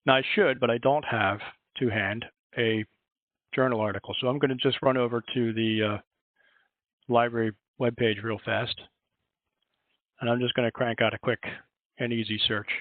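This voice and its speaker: A man's voice: mid-range voice, fairly even intonation, moderate pace, pauses often, no echo. A man with a Philadelphia accent, a librarian giving a chatty, rambling workshop presentation on a video call. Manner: chatty, rambling, self-correcting. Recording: dry, tinny phone-like audio.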